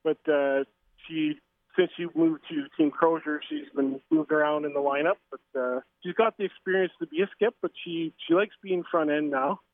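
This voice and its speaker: A middle-aged man from Canada heard over the phone from a train, a curling coach and father giving a casual interview, halting with fillers and restarts. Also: a little high, steady tone, no echo. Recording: tinny phone line.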